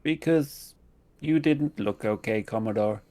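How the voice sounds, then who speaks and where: A man's voice: lowish voice, unhurried, mellow. A man voicing a young, polite autognome in a tabletop game, careful, literal and formal in speech. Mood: concerned. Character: young, earnest, polite robot autognome eager to learn.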